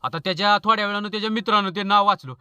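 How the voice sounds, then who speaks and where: A man's voice: high-pitched, fairly even intonation, racing, bright, forceful tone, clear, resonant tone, no room sound. A man from Maharashtra telling comic stories as a channel host, chatty and joking. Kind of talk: comic storytelling.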